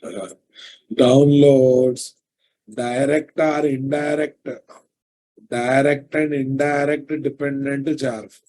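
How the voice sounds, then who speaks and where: A man's voice: mid-range voice, flat delivery, takes it slowly, warm tone. A middle-aged man with a Telugu Indian accent lecturing in a live online programming class, dictating notes and repeating phrases as he goes. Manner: repeats phrases while dictating, quizzes listeners. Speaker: programming instructor. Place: indoors, online class from a computer.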